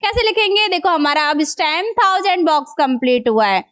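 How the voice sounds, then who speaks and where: A woman teaching a math lesson, coaxing her students with repeated questions and slowing down to spell out numbers. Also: very high-pitched, animated, a bit bright. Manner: slows right down on numbers.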